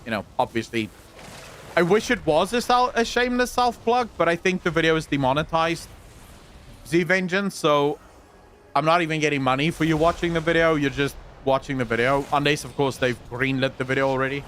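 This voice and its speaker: A man's voice: fairly high pitch, brisk, a bit bright, a little hiss or hum. A man doing casual live gameplay commentary in a sweary frat-bro manner, addressing his viewers like buddies. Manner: frat-bro slang, swears freely, calls viewers boys and bro. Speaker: live streamer and video creator.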